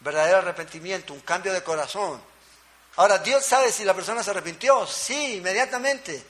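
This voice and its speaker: A man's voice: high voice, a little fast, a bit bright. A male pastor preaching a conversational sermon, emphatic, with rhetorical questions and a constant checking-in tag to his listeners. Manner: emphatic, with rhetorical questions and short punchy answers. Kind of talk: expository sermon.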